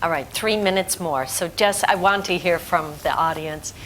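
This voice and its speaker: Brief: lowish-voiced woman moderator, brisk and organizing, faint room noise. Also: fairly bright tone, poor audio. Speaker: panel moderator. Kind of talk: moderating audience questions. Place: conference room.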